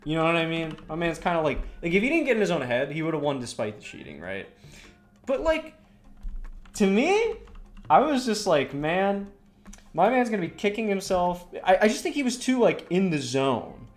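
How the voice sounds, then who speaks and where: A man's voice: a little high, wildly swooping pitch, moderate pace, soft background music. A young man, a streamer, telling a story in a casual, rambling way while he draws. He swears a lot and fills his talk with lots of "like" and "you know".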